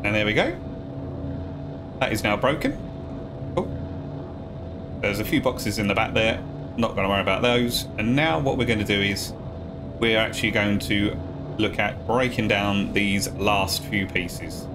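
A man talking viewers through a video game tutorial step by step, in a relaxed, casual voice-over. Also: fairly low pitch, measured pace, long pauses, background noise. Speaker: gaming guide creator.

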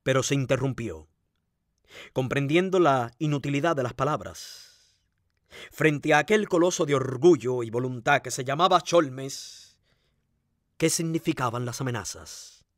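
A man reading a crime novel aloud, narrating in an expressive, dramatic way. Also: medium pitch, unhurried, dry recording, clean studio sound. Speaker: audiobook narrator.

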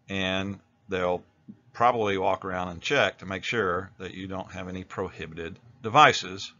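A man's voice: sits low, bright, forceful tone, highs cut off. An American man narrating an instructional video as a teacher, explaining things in a plain-spoken way.

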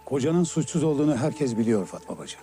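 An actor playing a resolute middle-aged emir in a historical drama, speaking with measured authority. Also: male voice, medium pitch, very animated, mellow, faint music behind.

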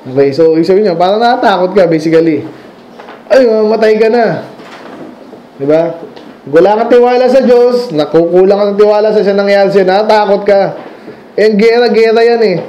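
A man's voice: high-pitched, warm tone, dull audio, a little hiss or hum. A man preaching a sermon in a church, conversational, asking the congregation questions and laughing at his own stories. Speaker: pastor.

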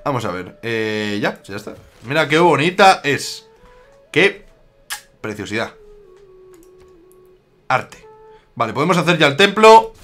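Faint music plays as this Aragonese-accented YouTuber from Spain banters at his opponents during a strategy game. His mid-range, fairly bright voice is very animated yet measured, with long pauses.

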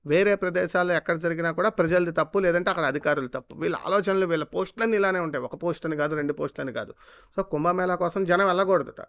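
A man's voice: fairly high pitch, rapid-fire, fairly bright tone, clear, resonant tone. A man giving heated spoken commentary, scornful and firing off rhetorical questions. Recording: dull lo-fi sound.

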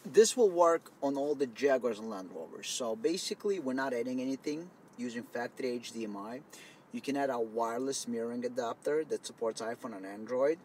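Speaking at a medium pitch and a fairly quick clip, this man has a darkish tone as he runs through a loose, chatty product demo from inside a car, explaining things as he goes. The car is partly open to the wind, and his camera mic picks up a faint rush of it.

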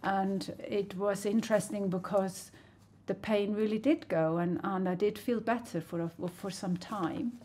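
A woman from Switzerland in her sixties telling her personal faith story in an earnest, reflective way with soft hesitations, recorded in a small living room on a stand mic. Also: medium pitch, steady tone, unhurried, slight background noise. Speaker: church member sharing her testimony. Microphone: stand mic, camera at medium close-up. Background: soft background music.

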